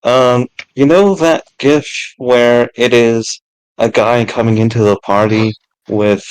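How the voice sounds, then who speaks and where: A man's voice: mid-range voice, steady tone, slow pace, darkish tone, clean tone, dry recording, rough recording. A tired man playing a tabletop game, meandering and searching for words. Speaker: player. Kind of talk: casual game chat.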